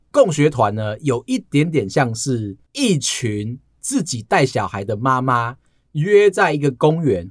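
A man co-hosting a podcast, telling stories in a casual, animated chat. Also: medium pitch, slightly rough, no room sound, clean studio sound. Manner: storytelling, animated. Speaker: podcast co-host.

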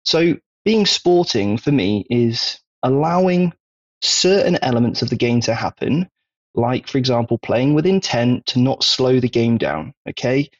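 Husky wiltshire guy on a podcast, explains stuff and keeps asking okay?, kinda dull lo-fi sound. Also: medium pitch, animated, a little slow. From Wiltshire, England. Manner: explanatory, often checks in with "okay?". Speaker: podcast co-host. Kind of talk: casual podcast discussion.

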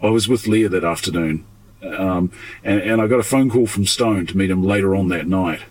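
A man, giving testimony in an archival police interview, halting and stumbling, with swearing. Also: low voice, low-quality recording.

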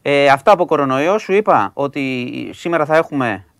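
A man hosting a radio talk show, calmly and patiently explaining the news in casual talk. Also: fairly high pitch, dry recording. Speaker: radio host giving the news.

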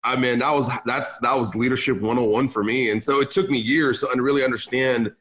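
A young Lebanese man who grew up in California chats casually as a podcast guest; he runs a gym business and speaks English as a second language. His mid-range voice is brisk and fairly bright, with fairly even intonation. He keeps things loose, says "man" a lot, and often restarts his sentences.

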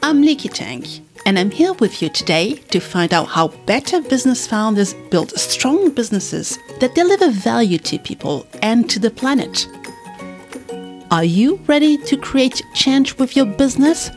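A woman's voice: on the high side, sing-song, moderate pace, a little mellow, soft background music. A woman hosting a business podcast, reading a scripted welcome and then asking her guest conversational questions. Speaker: podcast host. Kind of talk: podcast interview.

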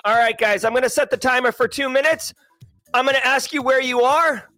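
A man hosting a daily livestream, talking casually and energetically to his chat with slang and shout-outs. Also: very high voice, steady tone, a little fast, soft background music. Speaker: host.

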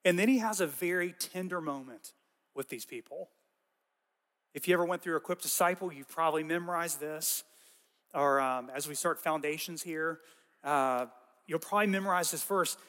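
A man giving a conversational sermon as pastor, with casual, animated storytelling and frequent asides. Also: fairly high pitch, normal speed, long reverb tail.

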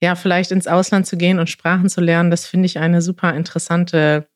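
A woman hosting a podcast, asking her guest questions in a measured, friendly way with a few fillers. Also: lowish voice, flat delivery, no echo, clean studio sound. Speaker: podcast host. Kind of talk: podcast interview.

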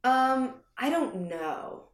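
An American woman chatting casually in a deep, lazy drawl with plenty of vocal fry. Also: big pitch swings, very slow. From United States. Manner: lazy, effortful-sounding drawl. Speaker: podcast guest. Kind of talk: casual chat. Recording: roomy echo.

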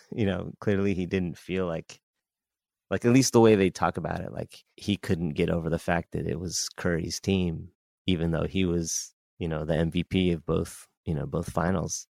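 Deep, gravelly man in easy chat. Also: fairly even intonation, moderate pace, a little mellow, no room sound, clean studio sound. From San Francisco Bay Area. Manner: easygoing, filler-heavy, "you know" throughout. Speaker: podcast guest, musician. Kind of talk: casual sports chat.

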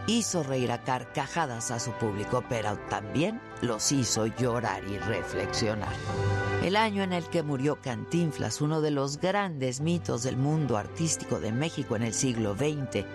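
A man's voice: mid-range voice, expressive. Man narrating over music. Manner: measured, formal narration. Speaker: documentary narrator. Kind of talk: scripted narration.

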